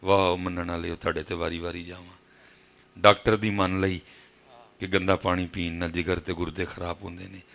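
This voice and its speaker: A Pakistani man with a Punjabi accent preaching a sermon at a religious gathering, moving from quiet talk to high shouted exhortation. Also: flat delivery, moderate pace, vocal fry. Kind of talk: impassioned sermon.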